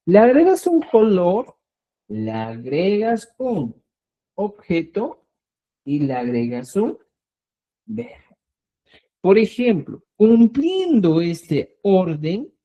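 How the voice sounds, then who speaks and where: A man's voice: sits high, mellow, rough recording. A man teaching a Quechua lesson, repeating words and checking in with his students. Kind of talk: online language lesson.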